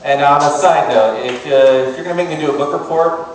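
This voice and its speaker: A man's voice: a little high, steady tone, a little fast. A man giving a casual, joking best man's toast at a wedding, telling comic stories. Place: large room at a wedding reception. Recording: echoey hall, distant mic, noisy crowd. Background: wedding guests and crowd noise.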